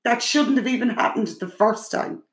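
A woman's voice: on the high side, normal speed. A middle-aged Irish woman, a guest on her daughter's show, telling a story at length with many remembered exchanges. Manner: vivid, run-on storytelling with many quoted exchanges. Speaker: guest, the host's mother. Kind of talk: emotional storytelling in casual chat. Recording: echoey room.

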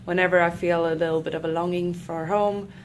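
A woman's voice: lowish voice, fairly even intonation, brisk. A young woman from Sweden hosting a casual chat, talkative and laughing often. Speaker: host. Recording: faint background noise.

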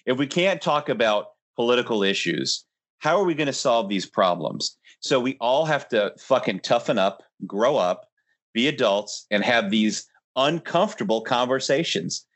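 A man speaking as a podcast guest, forceful and blunt, with some swearing. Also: medium pitch, lively intonation, normal speed. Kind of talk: casual podcast chat.

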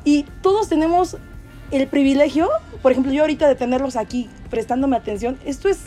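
High-voiced Mexican woman, chatty guest. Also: a little fast, faint music behind. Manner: expressive, gossipy storytelling. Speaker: podcast guest. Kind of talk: casual chat.

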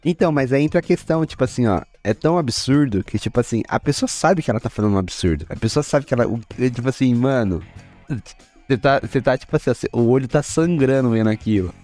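A man's voice: mid-range voice, lively intonation, fast, darkish tone, soft background music. Slangy young man, casual podcast chat. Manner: slangy, laughs often, rambling. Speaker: podcast co-host.

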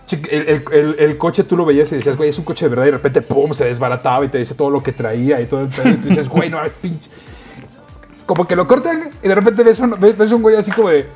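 A young Mexican man from the north chatting casually as a podcast co-host, animated and laughing often, full of slang. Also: on the high side, quick pace, soft background music. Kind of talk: casual chat.

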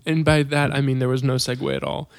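A man's voice: little pitch movement, fast talker, vocal fry, no echo. Young male podcast co-host, dry close sound, laughs through his storytelling. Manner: laughing storyteller, pitching sketch ideas. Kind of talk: casual comedy podcast chat.

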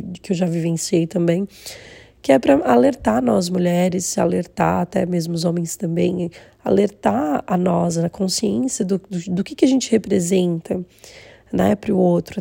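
A Brazilian woman hosting a candid, confessional vlog, talking casually and reflectively with the slightly hoarse voice of an inflamed, swollen throat. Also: on the low side, mellow, no room sound. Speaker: vlog host.

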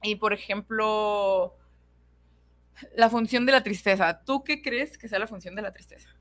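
A young adult woman, a psychologist calmly explaining emotions in a casual radio chat. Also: medium pitch. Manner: calm, explanatory, measured. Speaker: psychologist co-host.

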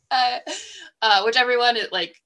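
Animated, bright-voiced woman guest. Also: fairly high pitch, slow pace. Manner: animated, laughs often. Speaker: podcast guest. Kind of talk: casual chat.

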